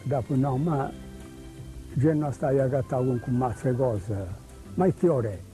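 An older man with a Sardinian accent recalls his youth in a rambling, halting way. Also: medium pitch, warm tone, soft background music, low-quality recording.

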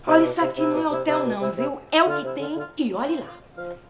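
An actress playing a sassy, grumpy café server with a Brazilian accent in a telenovela, curt and scolding. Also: female voice, sits high, expressive, a little fast, echoey room, loud music behind the voice. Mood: irritated. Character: grumpy, sassy café woman serving breakfast. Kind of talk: telenovela acting. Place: indoor café set.

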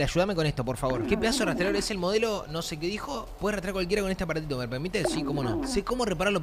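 A man with a Rioplatense accent streaming a video game, chatting casually, swearing freely and reading the game's text aloud. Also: high voice. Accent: Rioplatense Spanish. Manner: excitable, swears freely, slangy. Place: home streaming setup. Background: game music.

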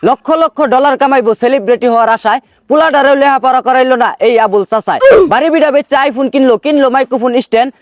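A man performs a mock-solemn parody news anchor with a very high voice and a rural Bangladeshi accent. The delivery is theatrical, rhyming comedy bulletin, recorded close and dry. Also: rapid-fire, dry recording. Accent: Bangladeshi rural colloquial. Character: bombastic male parody news anchor of a village comedy channel.

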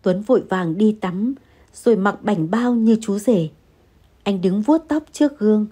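A woman narrating a first-person romance story in a plain, steady way. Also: medium pitch, measured pace, husky.

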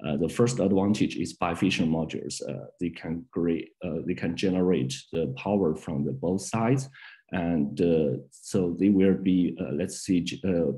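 A man presenting solar products on a video call, speaking with many "uh" fillers between halting phrases. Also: sits low, mellow. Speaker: sales director presenting products. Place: indoor office, on a video call.

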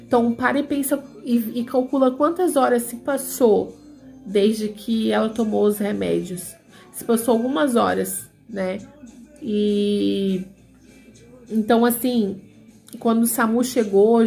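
A young woman speaks to her viewers in a confessional vlog, her voice somewhat high and gravelly with fry. She talks in a somber, halting way and keeps turning to them with small asides. Faint music plays underneath. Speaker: vlogger. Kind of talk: personal confessional retelling.

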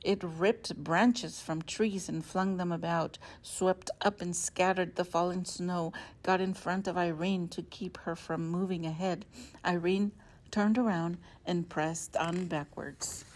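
A woman teacher reading a picture book aloud to children, expressive and friendly. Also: on the low side, slow. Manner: warm, expressive storytelling to children.

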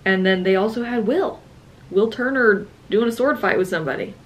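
A woman's voice: mid-range voice, fairly quick, rough recording. A young woman in her twenties chatting casually on a travel vlog, tired and a little playful, trailing off into laughs. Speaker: travel vlogger. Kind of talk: casual chat.

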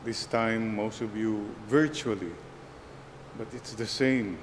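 A man serving as priest, leading the Mass in a measured, solemn prayer cadence at a pulpit microphone. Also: fairly low pitch, steady tone, a little hiss or hum. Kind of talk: leading liturgical prayer and exhortation.

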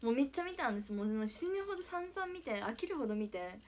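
A young woman with an Okayama accent, somewhat high-voiced, chatting on her idol live stream. She reads viewer comments, bursts into squeals and giggles, and then drops to a near whisper. The talk stays loose and casual throughout. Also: fast talker. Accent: Okayama Japanese. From Okayama, Japan. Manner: animated, swings from squealing shouts to soft whispers, frequent giggles.

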